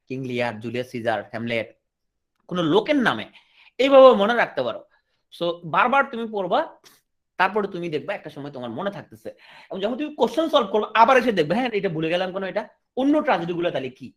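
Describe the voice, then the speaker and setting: Lively joking Bangladeshi man teaching. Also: a little high. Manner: lively, joking asides to students. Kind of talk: coaching class lecture.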